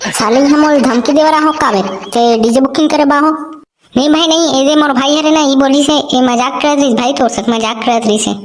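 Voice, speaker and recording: Chhattisgarhi woman doing cartoon guys, rowdy teasing talk, kinda high voice, noisy hiss behind. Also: steady tone, normal speed. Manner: rough, teasing banter. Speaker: cartoon voice artist. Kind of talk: comic cartoon dialogue.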